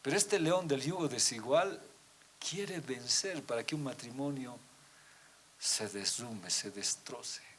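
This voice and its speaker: A man preaching a sermon to his congregation, reading scripture aloud and asking rhetorical questions, swinging between loud emphatic peaks and quiet low drops. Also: animated, slight background noise. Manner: addresses listeners as brothers, asks rhetorical questions; reads scripture aloud, often slowing down. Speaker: pastor.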